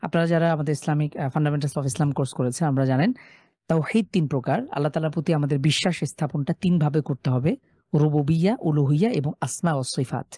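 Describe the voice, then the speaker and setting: Male teacher, live online lesson, mellow tone, slow drawn-out recited examples. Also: on the high side, dry recording, clean studio sound. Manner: explains rules, then recites examples slowly and drawn out.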